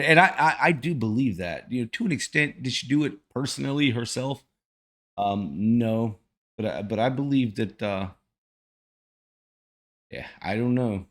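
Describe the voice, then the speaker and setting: A man giving casual political commentary to viewers, folksy and mildly salty, often halting as he thinks aloud. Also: on the low side. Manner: folksy, plain-spoken, mildly salty language. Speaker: host of a reaction video.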